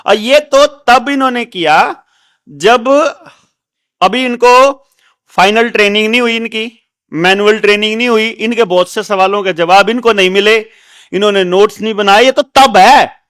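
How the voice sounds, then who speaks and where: Man, host, very high bright voice, emphatic, rhetorical questions, dry close sound. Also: normal speed, no echo. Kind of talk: explaining to an audience.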